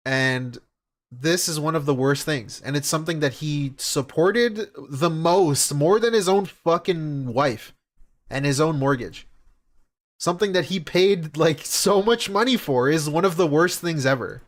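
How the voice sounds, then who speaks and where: A man's voice: on the high side, lively intonation, a little slow. A man streaming a reaction video, talking over it with blunt, mocking remarks and plenty of swearing. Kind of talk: casual reaction commentary.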